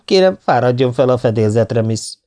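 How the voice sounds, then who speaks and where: A man's voice: mid-range voice, expressive, dark tone, lightly acted. A man voicing a young male lieutenant, a stubborn officer who gives firm, clipped orders in an audiobook. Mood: courteous.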